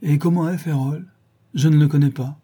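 A man voicing an old, gossipy society hostess who chides in raised, indignant exclamations, with a husky voice. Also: on the high side, steady tone, moderate pace, dark tone, voice pushed up. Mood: scolding.

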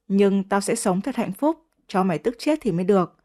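A woman's voice: medium pitch, expressive, normal speed, warm tone, close to an everyday voice. A woman reading a cold, taunting young wife. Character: proud, sharp-tongued young wife, defiant.

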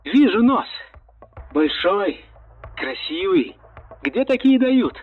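A man's voice: high voice, sing-song, slow, faint music behind, pitched above the performer's own voice, full character voice. A man voicing a badly injured male starship navigator who rambles in a dazed way over a muffled radio line.

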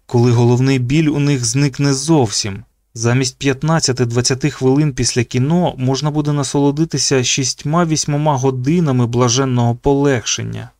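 A man reading an audiobook in a steady, measured narration. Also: mid-range voice, no echo, studio quality.

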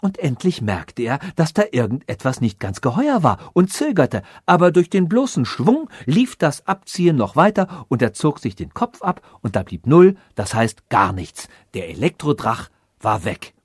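A man narrating a fantastical story in a measured storytelling manner. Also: medium pitch, very animated, husky, no room sound, clean studio sound. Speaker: audiobook narrator. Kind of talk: scripted narration.

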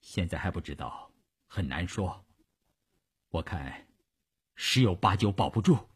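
A man voicing a weary male army doctor who speaks low and hushed. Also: huge pitch swings, moderate pace, husky, heavily acted. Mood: grim. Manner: low, hushed, half-whispered.

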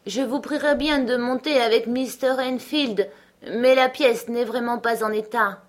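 A woman's voice: a little high, steady tone, measured pace, voice pushed up, lightly acted. A woman voicing a mournful, despondent doctor. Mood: regretful. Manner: mournful, sighing. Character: man, a gloomy, despondent doctor.

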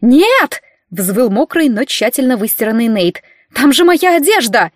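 A woman's voice: fairly high pitch, a little fast, darkish tone, no echo, clean studio sound, lightly acted. A woman voicing a panicked, half-drowning bearded man who sputters and gurgles between his words. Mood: wailing. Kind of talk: audiobook character voice.

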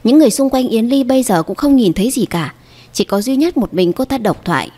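A woman's voice: on the high side, expressive, fairly quick, warm tone, husky. A woman narrating a dramatic story and reading all the characters' lines herself with little change of voice. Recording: long hall reverb.

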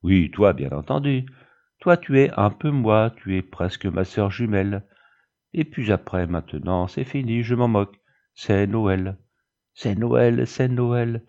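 A man reading the part of a chatty, excitable young girl who confides eagerly to her big sister, in a storybook reading. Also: fairly low pitch, measured pace, highs cut off.

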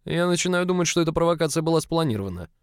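A man's voice: expressive, very fast, smooth, no room sound, studio quality. Field: a man voicing a commanding domineering boss. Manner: commanding, teasing, low and firm. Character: domineering, self-assured older male boss. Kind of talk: audiobook character voice.

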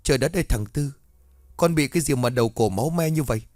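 A man voicing a gruff old village man over seventy who exclaims in alarm. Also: medium pitch, quick pace, a little mellow, no room sound, clean studio sound, natural voice. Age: 70s.

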